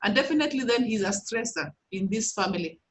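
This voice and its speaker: A woman's voice: medium pitch, lively intonation, quick pace, poor audio. A woman moderating a webinar Q and A, reading out questions and encouraging the speakers. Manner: warm, encouraging, reads out questions. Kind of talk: hosting a Q and A session.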